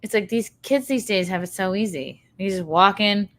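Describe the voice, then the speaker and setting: A woman's voice: mid-range voice, moderate pace, a bit bright. A woman hosting a livestream in casual chat, talking bluntly and conversationally with plenty of swearing. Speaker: livestream host.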